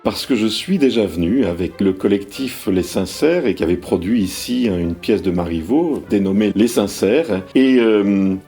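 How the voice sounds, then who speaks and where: A man talks about his work as a lyric singer in a calm, deliberate way. He pauses now and then as he explains. His voice sits low and mellow, with soft music faintly underneath. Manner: measured, explanatory, with hesitations. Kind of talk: interview.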